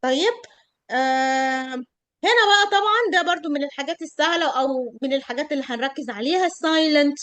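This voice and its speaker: A middle-aged woman with an Egyptian Arabic accent teaching English pronunciation in an online class, stretching out model words slowly. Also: high-pitched, a bit bright, no room sound.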